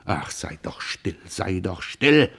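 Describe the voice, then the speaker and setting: A man's voice: low-pitched, expressive, slow pace, gravelly, a bit bright, husky, full character voice. A man reading a sneering bitter brother. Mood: scornful. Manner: sneering, mocking, strained.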